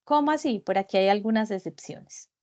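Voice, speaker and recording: A woman's voice: medium pitch, fairly quick, a little mellow. A woman teaches English grammar in an online class. She explains each point patiently and in small steps, and keeps checking that the students understand. The audio is dull and lo-fi, typical of a web conference. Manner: patient, step-by-step explaining, often checking with "¿cierto?".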